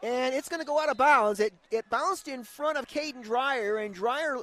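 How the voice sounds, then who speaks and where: High-pitched American man calling football, building to touchdowns. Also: normal speed. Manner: excited touchdown call, voice rising as the play breaks open. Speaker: play-by-play radio announcer. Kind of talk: live American football commentary. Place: live at an outdoor high school stadium.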